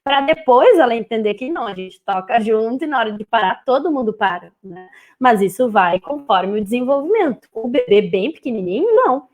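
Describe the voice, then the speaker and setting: A woman's voice: on the high side, brisk, muffled recording. A young woman, a music teacher chatting casually in a live stream, now and then singing short playful bits of children's songs. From southern Brazil. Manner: lively, sings short playful phrases to show children's songs. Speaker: music teacher and speech therapist guest.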